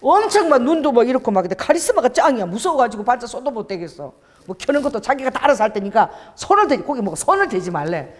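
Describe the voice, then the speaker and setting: A woman's voice: on the high side, sing-song, fast. A woman pastor preaching a sermon and telling a story with animation, often asking the congregation for an amen. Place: church worship hall. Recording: long hall reverb.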